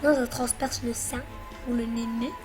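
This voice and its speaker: A woman's voice: fairly high pitch, little pitch movement, normal speed, darkish tone, soft background music. A woman hosting a let's play, chatting casually and bossily teasing her co-player as she plays. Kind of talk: casual gameplay commentary.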